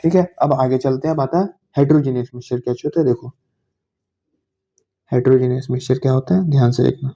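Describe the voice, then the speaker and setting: A man teaching a science lesson to school students, reading English definitions slowly and then explaining in Hindi in an easygoing, coaxing way. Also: medium pitch, dark tone, highs cut off. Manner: coaxing, informal, addresses students as bhaiya. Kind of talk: classroom lecture to school students.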